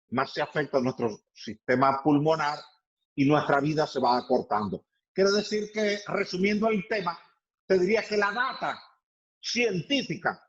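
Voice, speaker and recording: A man with a high voice explains his points emphatically, stacking repeated phrases for weight. The sound is dull and lo-fi, as if he is on a remote line to the studio. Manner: emphatic, builds points by repetition. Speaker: environmental expert guest. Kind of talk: explanatory radio interview.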